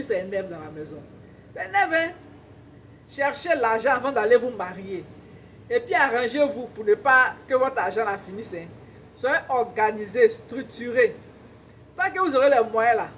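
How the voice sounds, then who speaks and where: A woman with an Ivorian French accent delivers relationship advice straight to her viewers, pressing her points with repetition and frequent laughter. Her voice sits high, and a faint hum of noise stays under it. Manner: emphatic, preachy, laughs often, repeats for emphasis. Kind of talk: casual advice monologue to viewers.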